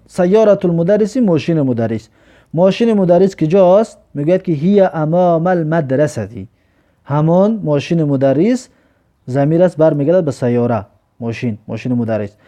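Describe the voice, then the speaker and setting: A man teaching an Arabic grammar lesson, reading example sentences slowly and then explaining them patiently. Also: on the high side, mellow.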